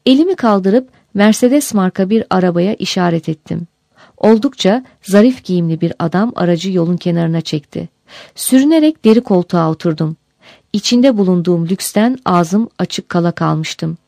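Female audiobook narrator, warm, first-person memoir, even measured read, dry booth. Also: lowish voice, gravelly, no echo.

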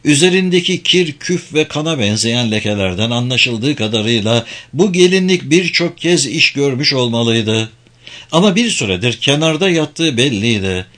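A man reading an adventure novel aloud in measured, dramatic audiobook narration. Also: medium pitch, fairly bright tone.

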